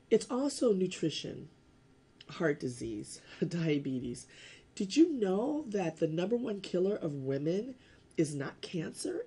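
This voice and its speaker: A woman's voice: lowish voice, mellow, husky. A woman hosting her own lifestyle show, speaking directly to her viewers in an enthusiastic, emphatic way. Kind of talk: direct-to-camera show intro.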